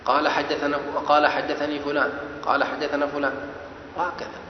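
Male lecturer, classroom teaching, slightly high voice, step-by-step explanations with questions to the class, lo-fi hall recording. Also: monotone, fairly quick, a little hiss or hum. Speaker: teacher of hadith studies. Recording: echoey hall, dull lo-fi sound.

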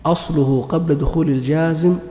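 A man's voice: a little high, steady tone, fairly quick. A man teaching a grammar lesson, asking questions and answering them himself, repeating key words. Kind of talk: classroom lesson. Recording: muffled echoey hall recording.

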